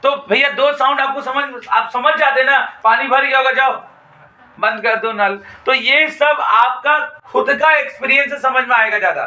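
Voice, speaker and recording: High-voiced bright male teacher. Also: reverberant, recorded from a distance, low-quality recording. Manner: dictates slowly, repeats phrases, asks students questions. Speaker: physics teacher. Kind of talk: classroom lecture. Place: classroom.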